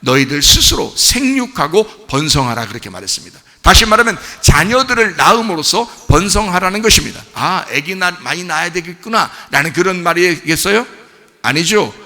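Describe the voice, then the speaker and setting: A male pastor preaching a sermon with animated delivery, sometimes acting out quoted friends in a low voice. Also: brisk. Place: church sanctuary. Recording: church hall reverb.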